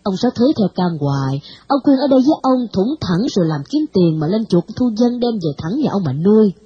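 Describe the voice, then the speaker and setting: Breathy woman storyteller. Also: mid-range voice, expressive, brisk, warm tone, no echo, dull audio. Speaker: narrator. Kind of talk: storytelling reading of a novel.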